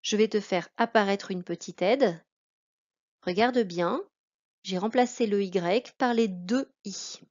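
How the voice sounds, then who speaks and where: A woman's voice: mid-range voice, slow pace, a little mellow, lo-fi sound. A woman teaching a reading lesson to children, patiently spelling out syllables one by one.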